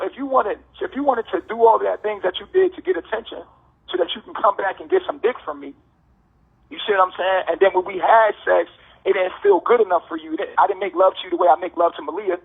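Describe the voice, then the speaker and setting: A man's voice: high voice, vocal fry, slightly rough. A man calling from jail on a prison phone, ranting in an insistent, preachy way and repeating himself. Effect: prison phone call. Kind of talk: heated ranting monologue. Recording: tinny prison phone line.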